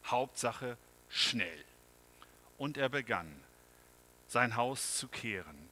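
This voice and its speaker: A man preaches a sermon, taking his time over every phrase. His tone is bright and ringing, and his voice rises to loud appeals before falling to hushed, near-whispered lines. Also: on the high side, rough recording. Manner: slow and dramatic, swings from loud to hushed whispers. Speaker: pastor.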